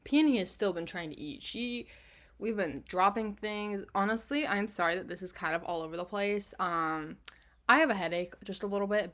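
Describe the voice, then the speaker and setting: A woman giving casual, rambling commentary over a life-sim game as the channel's host, often breaking off mid-sentence and filling pauses with "like" and "um.". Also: fairly low pitch, a bit bright. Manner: chatty, fills pauses with "like" and "um".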